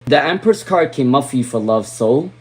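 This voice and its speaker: A young adult man from Rhode Island giving live tarot readings on a stream, repeating viewers' names and muttering softly while he draws cards. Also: medium pitch, animated, normal speed. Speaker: tarot reader.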